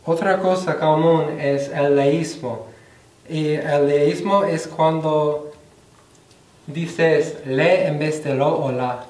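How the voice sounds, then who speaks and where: A young man from the United States, giving a class presentation in a slow, careful learner's delivery with pauses. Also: a little high, steady tone, a little mellow, distant mic. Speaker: student presenter. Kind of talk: class presentation on Spanish slang. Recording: roomy echo, voice from off the mic.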